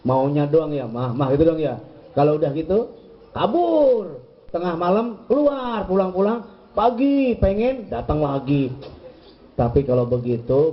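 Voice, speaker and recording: A middle-aged man, preaching a lively sermon to women and teasingly acting out everyday scenes. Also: on the high side, a little hiss or hum. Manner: playful, teasing, acts out voices of husbands and wives. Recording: muffled lo-fi event recording.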